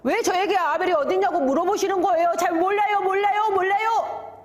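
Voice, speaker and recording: Woman voicing a young man, angry, sulking, whiny, high-pitched, reverberant church hall. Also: big pitch swings, normal speed. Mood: evasive whining. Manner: whiny, protesting.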